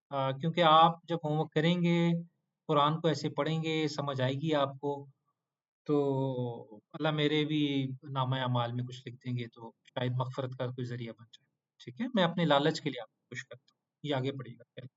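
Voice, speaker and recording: A man's voice: on the high side, highs cut off. A man teaching an online Quranic Arabic class, quizzing students with short prompts and playfully scolding them to do their homework.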